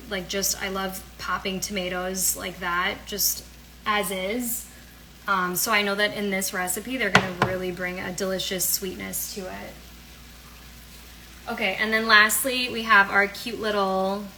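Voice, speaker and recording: A young woman, a cooking and health coach, hosts a casual cooking demo in her home kitchen, chatting in an upbeat, rambling way packed with fillers. Her medium-pitched voice is pushed and bright. The recording is noisy, with pans and utensils clattering.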